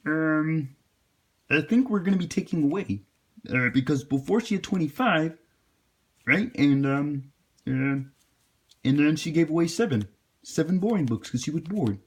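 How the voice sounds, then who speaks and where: A sassy frog puppet with a raised, nasal-leaning voice, played by a man. He jokes, haggles and teases his way through a homework problem for a children's math video. The pitch sits well above an ordinary man's voice. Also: lively intonation, moderate pace, long pauses, husky. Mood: cheeky. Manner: sassy, joking, bargains and teases. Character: cheeky wisecracking male frog puppet.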